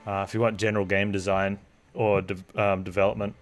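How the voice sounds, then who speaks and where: Male game streamer: lowish voice, casual livestream chat, faint game music behind. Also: flat delivery, brisk.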